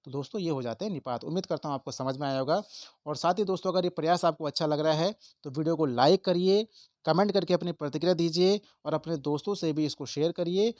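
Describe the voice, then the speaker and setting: A man's voice: on the high side, fast, darkish tone, no echo. A man teaching an exam-prep lesson, explaining step by step and stressing key words to his viewers. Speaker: Hindi exam tutor.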